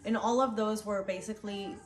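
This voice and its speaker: Fairly quick and medium-pitched, with fairly even intonation, a woman who is a parent co-hosts a loose channel conversation about parenting, full of fillers and restarts. The recording sounds roomy and carries faint background noise.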